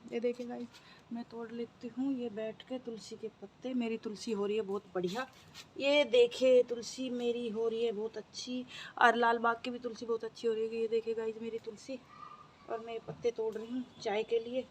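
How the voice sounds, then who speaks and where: A woman's voice: fairly high pitch, flat delivery, moderate pace, a little hiss or hum. A woman with a sore throat, chatting through a casual daily-life vlog on a rooftop. She repeats herself and keeps turning to her viewers. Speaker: vlogger. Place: rooftop, outdoors.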